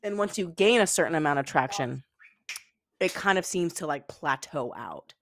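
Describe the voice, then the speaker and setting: A woman's voice: low-pitched, lively intonation, moderate pace, fairly bright tone, no echo. A young woman co-hosting a podcast in casual chat, rambling with lots of fillers. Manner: chatty, rambling with many fillers. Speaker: podcast co-host.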